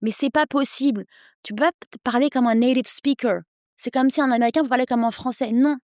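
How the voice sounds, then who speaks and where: A woman in her thirties, an English coach, speaking persuasively as a podcast guest, with energetic quick bursts. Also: high-pitched, no room sound, studio quality. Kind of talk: podcast interview.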